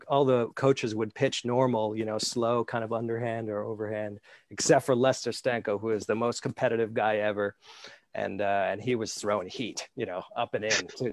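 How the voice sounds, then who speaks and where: In a flat in Scotland, a man from New York tells rambling stories as an interview guest, hesitating often with fillers. He's an amateur baseball pitcher with a mid-range voice, and the recording has no room sound.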